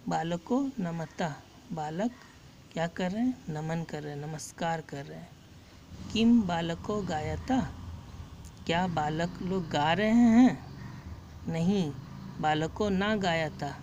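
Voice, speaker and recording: A woman teaching a lesson. She reads each phrase aloud and then explains it slowly and patiently. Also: fairly low pitch, a little mellow, a little hiss or hum. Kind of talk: slow line-by-line Sanskrit lesson with Hindi translation.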